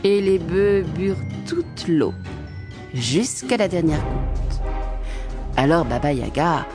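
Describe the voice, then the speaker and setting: Woman storybook narrator, lowish voice, expressive. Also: slow pace, music in the background. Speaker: audiobook narrator.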